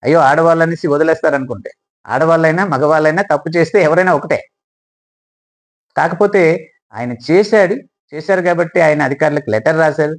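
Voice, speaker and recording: Telugu-accented male commentator, slightly high voice, musing and questioning, halting with fillers. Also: poor audio. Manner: rhetorical questions, hesitant fillers. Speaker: political commentator. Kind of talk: political analysis monologue.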